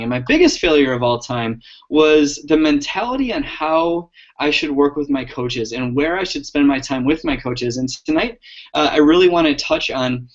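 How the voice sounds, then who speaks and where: Earnest motivational man on a dull call line. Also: a little high. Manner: earnest, energetic, speeds up in bursts with frequent restarts. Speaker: network marketing coach giving a team call talk. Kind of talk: motivational team call talk.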